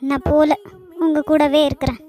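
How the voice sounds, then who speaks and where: A woman voicing a young wife in a cartoon, speaking softly and pleadingly. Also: sits high, flat delivery, moderate pace, soft background music, close to an everyday voice. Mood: tearful. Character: young wife, usually cheerful teaser, now tearful.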